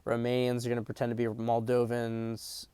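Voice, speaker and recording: Hiccuping through a political livestream, this man talks bluntly and emphatically, cursing often and restarting his sentences. His voice is medium-pitched, monotone and mellow, smooth at a normal speed, with no echo.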